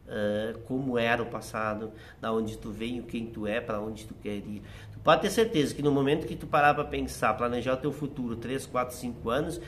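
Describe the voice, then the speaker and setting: In a conversational interview, a middle-aged theater writer and actor shares reflective, nostalgic stories, often adding "né." His medium-pitched, slightly bright voice carries a Rio Grande do Sul accent with a German-settler lilt from southern Brazil. Slight background noise can be heard.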